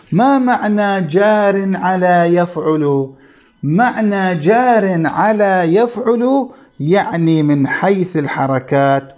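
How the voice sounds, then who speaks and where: A male grammar teacher with a somewhat high voice lectures at an unhurried pace. He spells out each point deliberately and repeats terms for his class. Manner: slow, deliberate explaining with repetition, addressing students.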